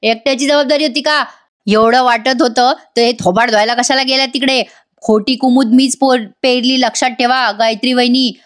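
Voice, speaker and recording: A scheming middle-aged man brushes off every worry with brusque threats, as a woman puts him on. The voice stays fairly high throughout. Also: steady tone, moderate pace, natural voice. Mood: dismissive.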